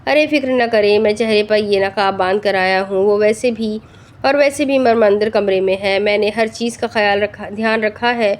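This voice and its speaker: A woman voicing an eager male henchman who talks quickly to please his boss. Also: mid-range voice, natural voice. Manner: eager, reassuring.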